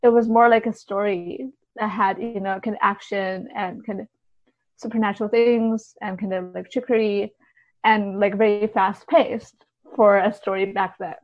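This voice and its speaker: A woman speaks in a mid-range voice with little pitch movement, at a normal speed. She's a literary translator appearing as an interview guest, explaining things conversationally and hedging with plenty of softeners. The audio is dull and lo-fi.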